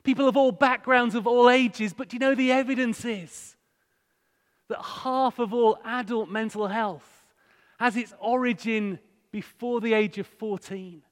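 In a big church hall with long, echoing reverb, a man from Hull speaks live to the congregation as a guest speaker. His voice is extremely high, with a steady tone and measured pace, and his northern English accent carries through his stories and conversational questions in a sermon-style talk.

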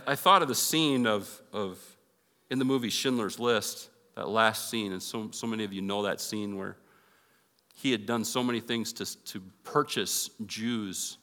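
A man's voice: on the low side, bright, forceful tone, big-room sound. A male pastor preaching a conversational sermon in a church and leading an earnest prayer. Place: church sanctuary.

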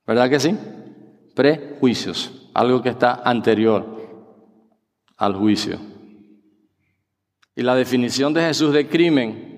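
Pastor preaching in a reverberant hall. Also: male voice. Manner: asks the congregation many rhetorical questions; acts out quoted voices with sudden pitch jumps. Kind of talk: sermon.

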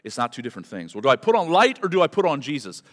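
Speaking into a church pulpit mic, a male pastor races through his sermon in a medium-pitched, sing-song voice. He's emphatic and builds to fervent repetition, with long hall reverb around him.

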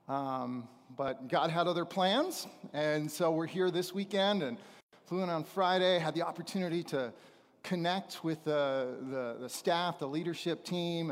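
A middle-aged man speaking as a visiting preacher, giving a church testimony in a halting, conversational way with pauses for emphasis. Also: fairly high pitch. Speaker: visiting preacher and missionary trainer. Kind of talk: church testimony, sermon to a congregation. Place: large church auditorium, speaking from a stage. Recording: reverberant hall sound.

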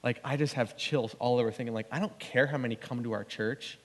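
A man's voice: medium pitch, steady tone, brisk. A man preaching a sermon as pastor, earnest and conversational, often restarting his phrases. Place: church sanctuary. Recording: long church hall reverb.

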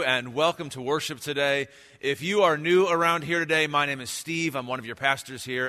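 A pastor speaks at a pulpit microphone in a church sanctuary, his bright voice trailing off into a long hall reverb. He preaches in a relaxed, conversational and reflective way, as if thinking aloud with his congregation. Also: medium pitch. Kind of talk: sermon.

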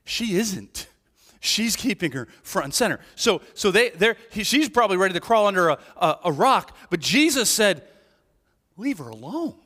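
A man delivers a sermon in a lively, conversational way, his pitch swinging widely as he drops to near-whispers and climbs again. His voice sits a little high for a man. The sound carries a long reverb tail, as from a big hall. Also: moderate pace. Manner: animated, conversational preaching with frequent "right?" asides. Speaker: pastor.

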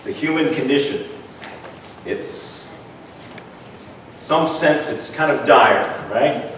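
A man's voice: a little high, takes it slowly, a bit bright. Thin, weak-voiced male preacher in echoey room. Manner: repeats words and seeks agreement with "right?". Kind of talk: conversational sermon. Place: large echoey room, worship gathering. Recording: echoey room, distant mic, faint noise.

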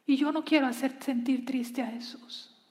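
A woman preaching a sermon in an earnest way, pausing and slowing down to stress her points. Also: sits high, steady tone, mellow, big-room sound. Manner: earnest, pausing, slows for emphasis.

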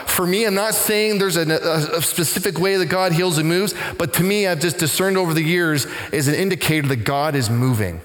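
A middle-aged man, a pastor, telling a story in a conversational sermon and growing animated as he recounts it. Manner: conversational, animated when retelling, rising pitch in excitement. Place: church sanctuary. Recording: long hall reverb in a church.

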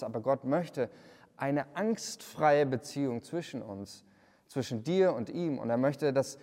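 A man's voice: mid-range voice, darkish tone, big-room sound. A man preaching a livestreamed sermon, earnest, often repeating words and restarting his sentences. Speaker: pastor.

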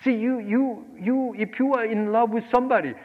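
A man from Korea preaching a sermon, animated, swinging between loud exclamations and quiet asides. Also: very high-pitched, normal speed, in a large hall, phone-quality sound. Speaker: pastor.

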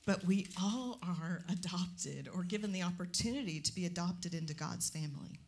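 A woman's voice: on the low side, normal speed, darkish tone, slight background noise. Earnest woman reading scripture in church. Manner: earnest, reads scripture aloud. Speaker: co-preacher. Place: church sanctuary.

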